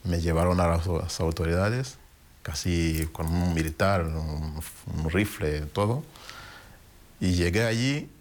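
In an interview, a man with a very deep, low voice recounts his life. He talks slowly and thoughtfully, pausing and starting over while hunting for words, and Spanish isn't his native language.

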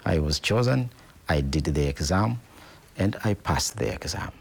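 Slow, very low-voiced Tanzanian bishop. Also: male voice, animated, creaky, breathy edge. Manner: slow, deliberate, repeats phrases like "in actual fact". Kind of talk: interview answers.

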